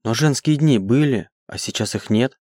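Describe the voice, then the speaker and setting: A man reading an audiobook, giving the quoted lines of a shy young wife in a soft, murmuring way. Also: mid-range voice, normal speed, no echo, clean studio sound, close to an everyday voice. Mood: quiet.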